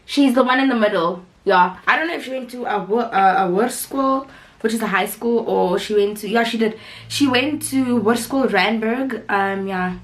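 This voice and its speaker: A woman's voice: on the high side, normal speed. Chatty young South African woman, sick voice. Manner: chatty, full of "like", laughs often. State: sick, rough voice. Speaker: vlogger. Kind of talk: casual chat to camera.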